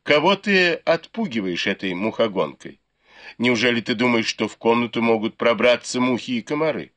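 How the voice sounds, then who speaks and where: A man's voice: medium pitch, lively intonation, normal speed, a bit bright, natural voice. A man voicing a cheerful young lady who teases her companion lightly. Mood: teasing, lively. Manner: light, teasing.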